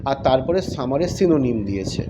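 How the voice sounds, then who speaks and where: A man's voice: mid-range voice, animated, fast talker. A man teaching an English vocabulary lesson to young students, explaining patiently step by step and asking questions that he then answers himself. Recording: slightly dull, lightly noisy recording.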